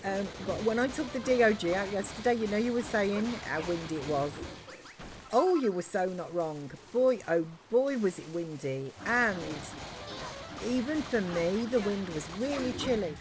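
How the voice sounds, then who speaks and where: A woman's voice: medium pitch, lively intonation, moderate pace, over music. A woman streamer chatting casually and rambling through stories while playing a game. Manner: chatty, rambling storyteller with regional slang.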